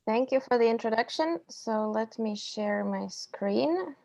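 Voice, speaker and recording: A woman from Slovakia in her thirties giving a technical conference talk over a video call, explaining clearly with some ums and self-corrections. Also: a little high, animated, measured pace, darkish tone. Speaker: invited speaker. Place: indoor room at home or office.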